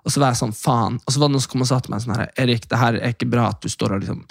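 A young man telling a long story in casual chat, animated and swearing, acting out other people's shouts. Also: medium pitch, gravelly, dry recording. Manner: animated, acts out quoted voices loudly; swears a lot, fast rambling.

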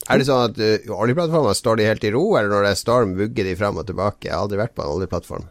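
A man's voice: fairly low pitch, dry recording. A man hosting a casual podcast, joking and inquisitive in the way he talks. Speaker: podcast host. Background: music.

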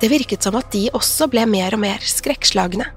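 Woman, horror story narrator, calm measured reading, mid pitch, soft music behind.

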